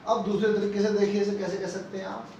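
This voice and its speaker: A man's voice: high voice, little pitch movement, fast, dark tone, dull audio. A man teaching a chemistry lesson, asking the class questions and repeating key terms. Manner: mixes Hindi with English technical terms. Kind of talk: classroom lecture with questions to students. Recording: echoey classroom, mic far off, faint noise.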